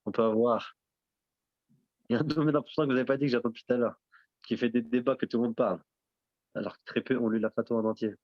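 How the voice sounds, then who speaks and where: A man's voice: mid-range voice, fairly even intonation, fast, long pauses, dry recording. A male teacher leads a lesson by questioning his students and confirming their answers, sprinkling in Arabic religious terms. His voice sits in the middle range for a man. The recording is dry, with a dull, lo-fi tone. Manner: quizzes the class, repeats and affirms answers. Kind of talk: interactive classroom lesson.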